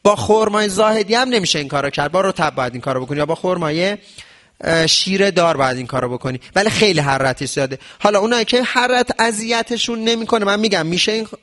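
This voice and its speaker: A man with a high voice gives a lesson on diet during fasting. He often asks questions as if he were the audience and then answers them himself. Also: a bit bright. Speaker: traditional medicine teacher. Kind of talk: religious health lesson.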